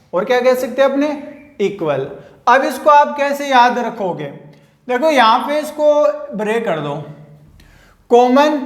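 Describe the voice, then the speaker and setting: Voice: high-pitched, roomy sound. A teacher giving an online vocabulary class, who repeats each word and spells it out letter by letter. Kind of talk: online vocabulary lesson with memory tricks.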